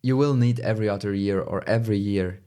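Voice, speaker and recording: A man giving casual advice in conversation, in halting, phrasing. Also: lowish voice, warm tone. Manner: halting, non-native English phrasing.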